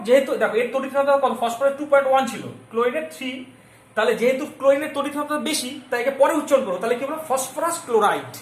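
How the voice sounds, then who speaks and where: A male chemistry teacher giving a lesson, constantly quizzing his students and repeating key terms slowly so they stick. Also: very high-pitched, slight background noise. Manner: keeps asking the class questions and checking they follow. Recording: echoey room with faint ambience.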